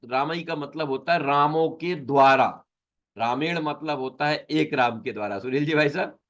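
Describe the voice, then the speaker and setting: A man's voice: fairly high pitch, fairly bright tone, dull audio. A man teaching an online class on Sanskrit sutras, patiently explaining and repeating each term. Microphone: video call.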